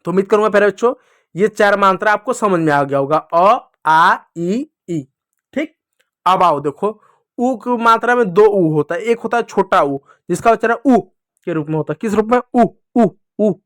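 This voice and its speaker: A man teaching children, patiently repeating each sound slowly and drawing out the vowels. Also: sits high, lively intonation, a bit bright, no echo, studio quality. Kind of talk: Hindi lesson for children.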